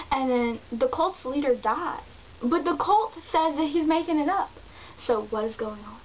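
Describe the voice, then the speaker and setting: A woman vlogger reviewing books in an animated, chatty way, full of exclamations and fillers. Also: sits high. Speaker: book vlogger. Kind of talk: casual book review chat. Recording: dull lo-fi recording with faint hiss.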